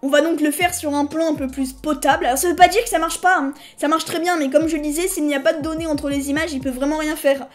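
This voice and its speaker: A woman hosting a casual screen-recorded software tutorial. She talks in a chatty, hesitant way, restarts her sentences and apologizes to viewers now and then. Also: sits high, steady tone, fast talker, few pauses. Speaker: tutorial host.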